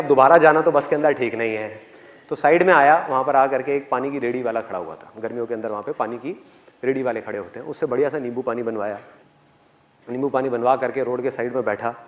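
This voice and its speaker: A man giving a motivational stage talk, telling a personal story with animation and putting questions directly to the audience. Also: mid-range voice. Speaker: motivational speaker. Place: on stage before a live audience.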